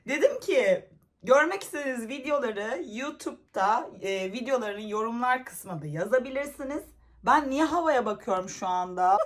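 Giggly, chatty young woman with a high voice. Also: lively intonation, moderate pace. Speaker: reaction vlogger. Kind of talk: casual reaction chat. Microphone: phone camera.

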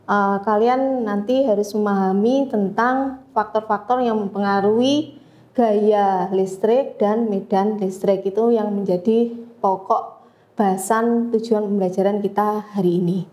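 A woman teaching a physics lesson, explaining step by step with frequent pauses and fillers. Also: medium pitch, steady tone, dark tone. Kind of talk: classroom lecture.

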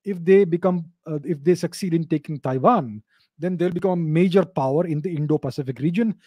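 A middle-aged man hosting a live video Q&A, talking into a close studio microphone in a home study. He explains in a measured way and repeats his key points. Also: fairly high pitch, mellow, slightly rough, no room sound. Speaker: host answering live video call questions. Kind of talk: live video chat Q&A on geopolitics. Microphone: studio mic on a boom arm, close.

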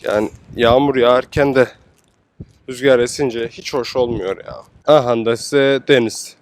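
A man's voice: medium pitch, steady tone, a little slow, rough recording. A man making a casual walking travel vlog outdoors in a windy seaside city, chatty and slangy, exclaiming at the sights. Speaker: travel vlogger.

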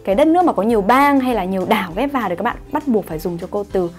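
A woman's voice: medium pitch, lively intonation, very fast, soft background music. A woman English teacher, explaining grammar in an online lesson and often asking her students whether they follow. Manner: explains patiently, asks "right?" to check understanding.

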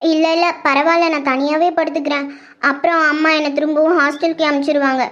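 A woman's voice: high voice, level tone, quick pace, a bit bright, lo-fi sound. A woman voicing a timid teenage girl who anxiously confides in her older brother in a hesitant, pleading way, for a web horror drama. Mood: wistful.

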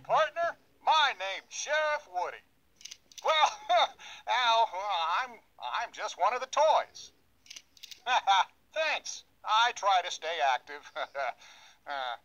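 A man's voice: very high-pitched, sharp tone, dull audio, exaggerated voice. A man voicing a cheerful cowboy toy sheriff, talking in a folksy drawl and whooping, heard through a toy's built-in speaker. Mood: playful. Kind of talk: pull-string toy voice lines.

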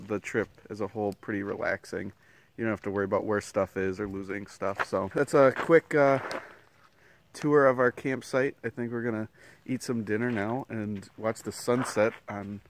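A young man with a lowish voice vlogs outdoors at a wooded campsite, chatting casually into a handheld camera held at arm's length as he walks and points things out. It's a relaxed, chatty vlog tour where he lists things with plenty of fillers, and there's a slight hiss or hum on the audio.

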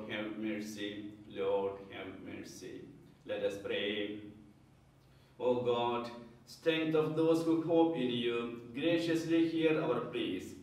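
A man leading Mass as a priest, reciting the liturgy in a measured, solemn way, with heavy cathedral-like church echo. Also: mid-range voice, darkish tone. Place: large church. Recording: very echoey church, mic far off.

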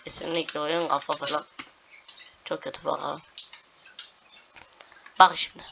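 A man's voice: fairly high pitch, little pitch movement, moderate pace. A young man giving casual gameplay commentary, narrating each move to viewers and swearing at glitches. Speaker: gaming video host. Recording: dull lo-fi home recording with clear noise.

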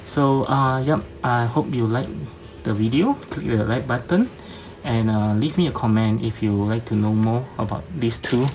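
A man casually reviewing toys in halting, hesitant speech, slightly slurred by a mouth numb from dental work. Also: medium pitch, warm tone, slight background noise. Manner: halting, hesitant, many long filled pauses. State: half of face numb after tooth operation. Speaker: toy reviewer. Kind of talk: casual unscripted review narration.

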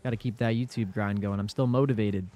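Commentating casually on his own gameplay, a young YouTuber sounds congested from a cold. His lowish, dark voice stays steady as he talks a little fast in a relaxed play-by-play.

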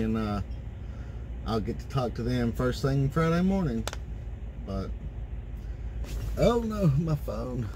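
A man's voice: mid-range voice, slight background noise. Frustrated trucker ranting in his cab. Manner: frustrated, rambling, with fillers. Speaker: owner-operator truck driver. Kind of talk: casual vlog rant. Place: inside a truck cab, parked. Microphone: phone camera at arm's length.

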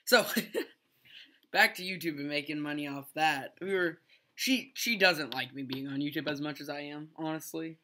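Bright-voiced joking young man. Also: on the high side, normal speed. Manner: joking, rambling. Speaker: podcast co-host, son. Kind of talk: casual chat.

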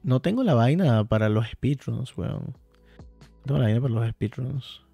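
A man streams a game live, talking with his chat in a loose, joking way and cursing often. His voice is mid-pitched and sounds dry and close. Faint music plays behind him. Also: expressive, a little slow, vocal fry, warm tone, husky, no room sound. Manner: profane, playful, talks to chat directly. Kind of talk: casual live-stream chat while playing.

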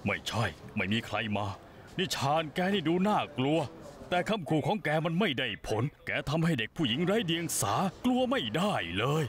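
A bitter scolding uncle. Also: male voice, a little high, big pitch swings, normal speed. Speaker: voice actor in a Thai dub of a drama. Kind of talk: dubbed TV drama acting.

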